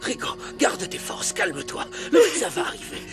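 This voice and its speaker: A man's voice: high voice, wildly swooping pitch, fairly quick, over music. An actor in a dubbed telenovela playing a grief-stricken father who pleads, crying, with his dying son. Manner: pleading, broken, urgent.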